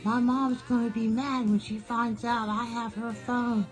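A woman voicing a young female pet dog who talks in a gentle, childlike, reassuring way. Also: on the high side, level tone, a little slow, faint music behind, natural voice, rough recording. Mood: sweet.

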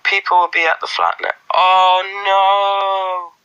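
This young adult livestreamer, Irish but with the accent largely gone, reads and riffs on comments in a relaxed, rambling way, full of fillers and false starts. He takes it slowly in a clean tone, a phone held close in a small room making his slightly high voice very bright and forward, highs cut off.

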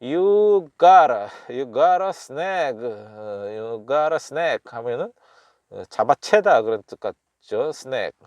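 A man chatting casually as he studies, chuckling often and repeating phrases slowly while thinking aloud. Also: mid-range voice, animated, a little mellow, no room sound. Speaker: self-taught language learner. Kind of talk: casual study commentary.

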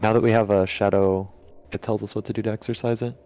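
A calm co-player in a ghost-hunting game who explains the next steps. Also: medium pitch, quick pace, muffled recording. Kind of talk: casual gameplay chat.

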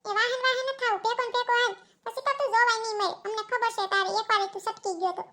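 Super squeaky bossy village aunties w/ kathiawadi accent, talking fast, nagging. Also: female voice, fairly even intonation. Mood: scolding. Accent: Kathiawadi Gujarati. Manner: shrill, quick, nagging and shouting. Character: loud bossy village women, middle-aged, scolding. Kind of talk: cartoon comedy voice acting.

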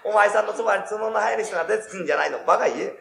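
男性が演じる色っぽい若い女の幽霊、甘えた声. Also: male voice, high voice, rapid-fire, creaky, fairly bright tone. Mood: coy. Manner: coquettish, sweetly teasing. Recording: echoey hall with background noise.

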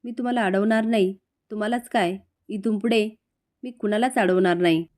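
A woman's voice: mid-range voice, moderate pace, a little mellow, close to an everyday voice. A woman voicing a weary older man of the house who speaks in a subdued, resigned way.

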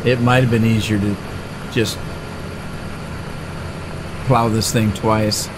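Slow and level in a lowish voice, a middle-aged gaming channel host offers casual let's-play commentary, rambling and chatty with plenty of "uh"s and restarts. Behind him, the game's tractor and engine sounds are distinctly audible.

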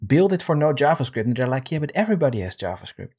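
Husky-voiced European man hosting. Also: a little high. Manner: relaxed, many um fillers, drawn-out questions. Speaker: host. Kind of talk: casual interview. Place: home studio room with guitars on wall. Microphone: large desk microphone with headphones.

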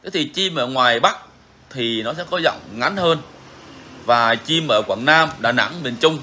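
A man's voice: medium pitch, animated, a little slow, pushed and bright, slight background noise. A man hosting a bird-keeping channel, talking casually and frankly to viewers, repeating himself often. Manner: frank, repetitive, chatty.

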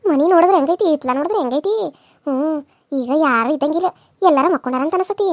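A woman's voice: sits high, fast talker, no echo, clean studio sound, close to an everyday voice. A woman voicing a scheming older village mother in a cartoon serial, muttering sly asides in a North Karnataka accent. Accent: North Karnataka Kannada.

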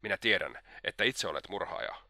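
A man reading a fierce young woman in a storybook, deep, bright, accusing. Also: animated, no room sound, studio quality, exaggerated voice. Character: furious young woman holding an attacker off.

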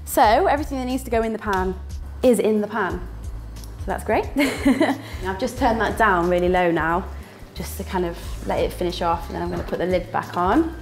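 Faint music runs under this casual cooking demonstration, where a young woman, a student presenter with a northern English accent, cooks in a small indoor kitchen. Her mid-range voice moves at normal speed as she chats playfully, laughs frequently and makes little sound words.

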